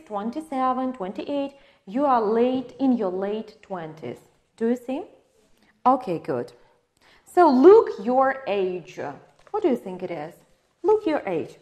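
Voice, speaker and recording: A woman with a Ukrainian accent teaches an online English lesson for exam prep, patiently asking questions and confirming answers. Her voice is high-pitched with a darkish tone.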